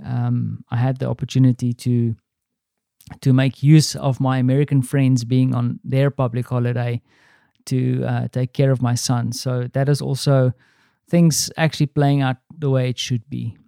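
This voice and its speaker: A man with a South African accent rambles reflectively about his day, hesitating often. His voice is dark and gravelly with little rise and fall, and it sits close and dry with no room around it. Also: medium pitch, level tone, normal speed, no echo. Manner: rambling, reflective, many ums and restarts. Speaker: podcast host. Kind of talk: casual spoken diary. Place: apartment.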